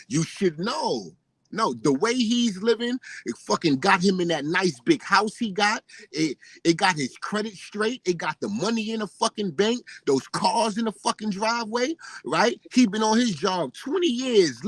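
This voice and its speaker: His voice sits high and sounds a bit bright, captured dry and with poor audio. The late-thirties man rants casually and bluntly, cursing a lot, repeating himself under pressure, and tagging "right?" onto nearly everything he says.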